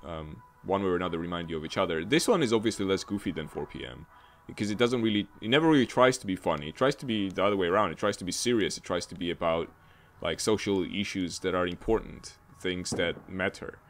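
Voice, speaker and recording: Male game reviewer, very low voice, rambling and mildly exasperated, casual talk over gameplay. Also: fast.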